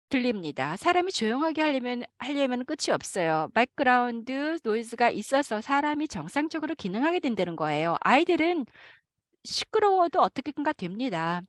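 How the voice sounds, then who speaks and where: A woman giving a live interpretation of a lecture, with an animated delivery and frequent hesitant fillers. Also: fairly high pitch, dry recording, clean studio sound.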